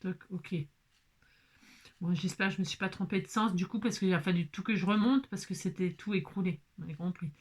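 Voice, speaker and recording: A woman's voice: fairly low pitch, fairly even intonation, a little fast. A woman vlogging casually as she assembles a craft kit, chatting to viewers, exclaiming and muttering to herself when pieces go wrong.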